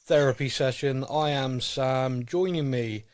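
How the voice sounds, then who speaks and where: British guy hosting a chatty podcast, wry and rambly, normal mid-pitched voice. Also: a little slow. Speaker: podcast host. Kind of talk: casual chat.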